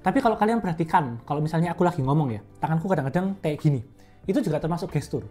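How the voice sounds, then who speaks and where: Young woman, low mellow voice, chatty speaking-coach vlog, soft music underneath. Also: lively intonation, very fast. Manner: chatty and conversational, explains step by step. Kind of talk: casual educational vlog.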